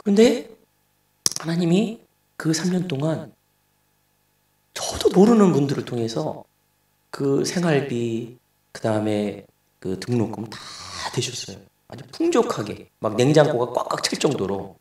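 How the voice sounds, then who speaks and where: In an echoey church hall, a distant mic captures a middle-aged pastor with a mid-range, slightly mellow voice and lively intonation. He speaks unhurriedly and pauses often. His sermon recounts a family story, with the dialogue acted out in different voices.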